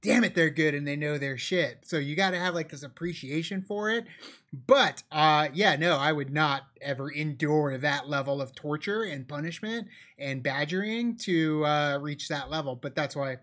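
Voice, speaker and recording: A man's voice: on the high side, normal speed, fairly bright tone. A man co-hosting a movie reaction, chatting casually and thinking aloud with many restarts. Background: faint movie soundtrack.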